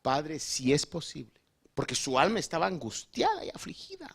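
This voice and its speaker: A male pastor delivers a lively sermon. His voice is bright and forceful and sits a little high for a man. He acts out the people in his stories. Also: normal speed, vocal fry, breathy edge. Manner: animated, acts out quotes, addresses listeners as "hermano". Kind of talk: sermon with storytelling. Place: church in Long Island, New York.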